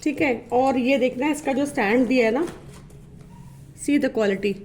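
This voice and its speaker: A woman's voice: sits high, a little slow, darkish tone, reverberant, slight background noise. A woman vlogging casually to camera, chatty and full of fillers, complaining about the poor quality of the items she shows. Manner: showing items while talking. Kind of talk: casual vlog talk to camera.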